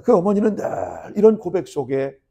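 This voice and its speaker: A middle-aged male pastor preaching a sermon, building to loud impassioned peaks and dropping to soft endings. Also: sits high, animated, a little fast. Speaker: senior pastor.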